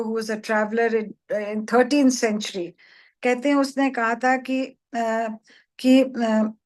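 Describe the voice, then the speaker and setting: A woman explaining a devotional book in earnest, restating her points in English. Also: fairly high pitch. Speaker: spiritual book reader and explainer.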